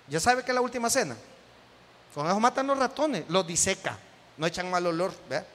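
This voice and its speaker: A Salvadoran man preaches in a high, ringing voice, teasing his listeners and acting out little everyday scenes. His voice carries a long reverb, as in a church hall. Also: very animated, fairly quick, a bit bright. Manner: joking, acts out everyday scenes; calls out to the congregation. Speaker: pastor. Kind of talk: sermon.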